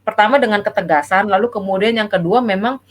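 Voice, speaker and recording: A woman's voice: medium pitch, fast, poor audio. Woman psychologist explaining patiently. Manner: explains patiently, keeps repeating "gitu ya". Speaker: child psychologist. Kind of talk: casual advice talk.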